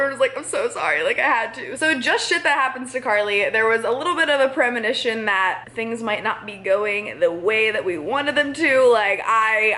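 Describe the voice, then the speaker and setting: A young woman vlogging in a candid, animated way, spilling her story with lots of fillers. Her voice is bright and forceful. It sits slightly above the usual pitch for a woman. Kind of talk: casual vlog talk.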